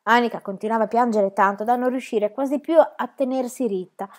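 A woman reading a children's storybook aloud in a calm, expressive narrating voice. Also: fairly high pitch, brisk. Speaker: reader.

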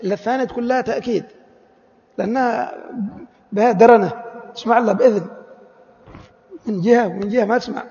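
High, gravelly man teaching a class. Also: fast talker, pauses often, a little mellow. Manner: quizzes students with rhetorical questions; acts out quoted dialogues. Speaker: Islamic jurisprudence teacher. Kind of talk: classroom lesson. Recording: echoey hall, dull lo-fi audio.

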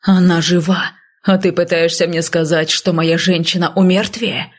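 A woman voicing a gruff, impatient northern warrior man who barks curt demands, in a low husky voice. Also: fairly even intonation, moderate pace, lightly acted.

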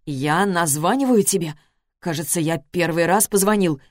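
Brief: a woman playing a hurt, helpless man, low-set voice, dry close sound. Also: normal speed, no room sound, close to an everyday voice. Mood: bewildered. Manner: pleading, bewildered. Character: injured, desperate middle-aged man.

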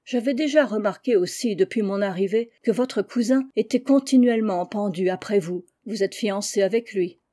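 A woman's voice: mid-range voice, normal speed, few pauses, warm tone, natural voice. A woman reading the part of an earnest, pleading young man who turns bitter, in an audiobook. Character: young male suitor, earnest then sulky.

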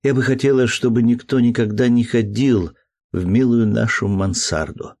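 A man's voice: mid-range voice, steady tone, moderate pace, darkish tone, lightly acted. A man reading an audiobook, voicing a tender, playful young woman in love in a raised, breathless voice.

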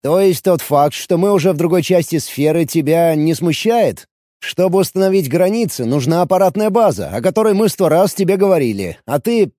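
A man's voice: on the high side, animated, brisk, mellow, no room sound, studio quality, pitched above the performer's own voice, natural voice. A man reading an audiobook, voicing an irritable, suspicious red-haired violinist who presses with sarcastic questions. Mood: agitated.

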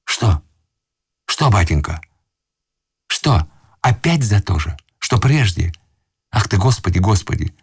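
A man voicing a flustered elderly gentleman in a raccoon coat, fussy and pleading with wounded dignity. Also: deep voice, very animated, slow, pauses often, husky, no echo, clean studio sound, pitched above the performer's own voice, full character voice. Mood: fretful pleading. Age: older.

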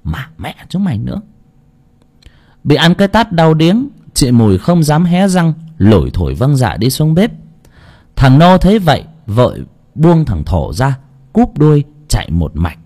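A man's voice: medium pitch, dark tone, husky. A man narrating an audiobook story dramatically. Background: faint music.

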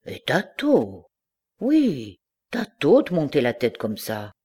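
A man's voice: on the high side, huge pitch swings, slow pace, darkish tone, husky, exaggerated voice. A man voicing a middle-aged peasant wife who scolds her husband in rustic dialect. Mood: chiding.

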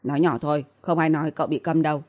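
A woman's voice: low voice, steady tone, very fast, a little mellow, close to an everyday voice. A woman voicing a blunt, protective young man who scolds curtly, in an audiobook reading. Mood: scolding. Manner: curt and scolding.

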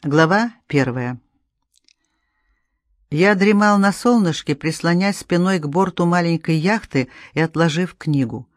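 A woman reading a novel aloud as an audiobook, calm and measured. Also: lowish voice, dry recording, studio quality. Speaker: audiobook reader.

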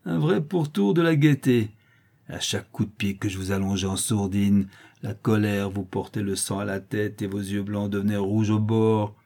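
A man's voice: mid-range voice, creaky, warm tone, voice pushed up, close to an everyday voice. A man voicing a lame, mocking boy who taunts cruelly in a sing-song way. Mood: taunting.

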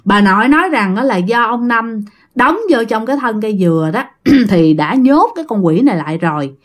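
Chatty woman storyteller, bright animated delivery, talks to listeners directly. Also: fairly high pitch, normal speed. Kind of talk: casual ghost story telling.

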